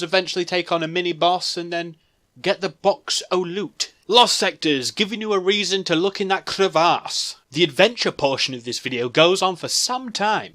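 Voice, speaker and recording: Young man, gaming vlog, slangy and profane, bright tense tone, dry close-mic sound. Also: a little high, no echo. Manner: loose, slangy and profane, rambling. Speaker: gaming video creator. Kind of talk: casual gaming commentary.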